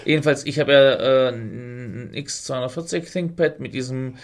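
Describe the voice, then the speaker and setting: A man's voice: mid-range voice, moderate pace. A man co-hosting a casual podcast chat, rambling and correcting himself as he explains technical details. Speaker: podcast co-host.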